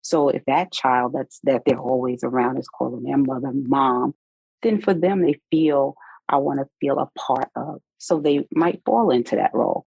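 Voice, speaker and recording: A woman's voice: very deep voice, normal speed, creaky, a little mellow, husky, no echo, highs cut off. A middle-aged woman co-hosting a casual podcast, speaking candidly and telling stories from her own life. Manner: candid, storytelling from personal experience. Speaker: podcast co-host.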